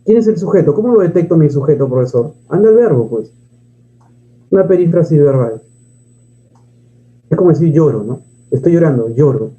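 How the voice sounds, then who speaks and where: A man's voice: fairly high pitch, lively intonation, a little fast, pauses often, warm tone. Dull-sounding man teaching grammar. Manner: asks and answers his own questions, reads poems aloud. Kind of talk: grammar lesson.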